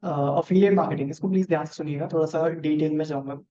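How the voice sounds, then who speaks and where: A man with an Indian accent teaching a live online class on marketing. He talks fast on purpose and works through examples while checking in with his students. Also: on the high side, fairly even intonation, mellow. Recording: echoey room, dull lo-fi sound.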